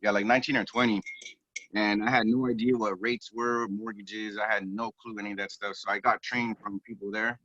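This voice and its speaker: Male guest on a call, low-ish voice, casual rambler, flat dry phone-speaker sound. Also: brisk, no room sound. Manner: relaxed, rambling, many ums and restarts. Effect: heard over a phone speaker. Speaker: real estate agent guest. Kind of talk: casual interview storytelling. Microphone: phone on a group call. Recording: dull, dry phone audio.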